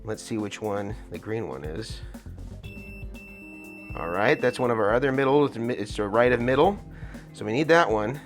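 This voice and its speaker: A man's voice: fairly low pitch, expressive, normal speed, pauses often, soft background music. American man instructing through a face mask. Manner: explanatory, step-by-step. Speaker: tutorial host, guitar rig builder. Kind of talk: hands-on tutorial talk.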